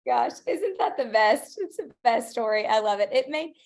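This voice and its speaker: Gravelly-voiced woman hosting, effusive. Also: on the high side, lively intonation, moderate pace, a little mellow, a little hiss or hum. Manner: effusive and appreciative, laughs easily. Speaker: host. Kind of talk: hosting a video call.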